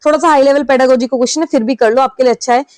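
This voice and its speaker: High-voiced woman teaching exam English. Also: steady tone, darkish tone, no room sound, poor audio. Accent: Indian. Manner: explains in Hindi, reads English questions slowly, asks and answers her own questions. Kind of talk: online exam-prep lesson.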